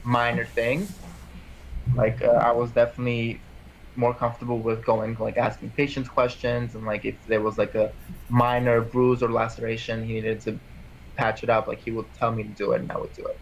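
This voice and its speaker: A monotone man in his twenties, born in Armenia, speaks at a normal speed with a medium-pitched voice and vocal fry. As an interview guest and PA school applicant, he rambles casually, leaning on "like" and restarting often. The audio is dull, with slight background noise.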